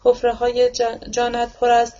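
Woman reader voicing a histrionic older man, self-pitying and accusing, in a higher, flat-toned delivery on a dull track. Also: lightly acted. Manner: declamatory, accusing outbursts.

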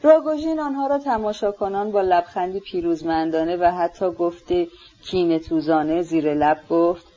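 A woman narrating an audiobook in a steady, measured reading. Her voice is mellow and dark, and the recording is dull and lo-fi. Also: lowish voice.

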